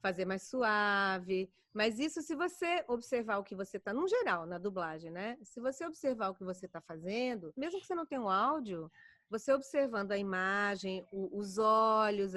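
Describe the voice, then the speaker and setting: A woman's voice: medium pitch, moderate pace, no room sound, studio quality. A middle-aged woman with a Brazilian accent, a voice actor chatting in an interview. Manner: animated, chatty, many fillers. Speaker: voice actor guest. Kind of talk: casual interview chat.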